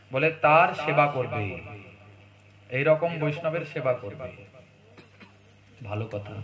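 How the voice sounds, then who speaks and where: A man giving a devotional sermon, telling stories and singing verses between plain explanation. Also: high voice. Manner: storytelling, sings verses and chants. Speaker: preacher. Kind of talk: devotional discourse. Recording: crowd noise in the background.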